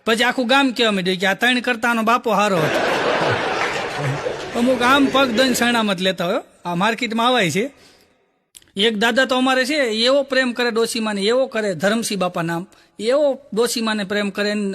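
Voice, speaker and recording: High, bright-voiced comic storyteller. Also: male voice, a little fast. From Gujarat, India. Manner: jokey storytelling, punchline-driven. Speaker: stand-up comedian.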